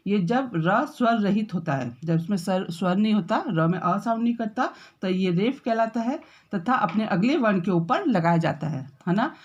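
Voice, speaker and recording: A woman teaching a school grammar lesson, explaining step by step, checking in often with her pupils and drawing out example words slowly. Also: mid-range voice, lively intonation, darkish tone, highs cut off. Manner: drawn-out, slowed example words.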